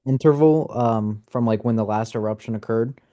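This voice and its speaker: A male student on a video call asks his question hesitantly, padding it with "like" and "um". His voice is mellow and warm, at an ordinary pitch for a man. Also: moderate pace. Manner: hesitant, many "like" and "um" fillers. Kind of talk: classroom question. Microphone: computer mic on a video call.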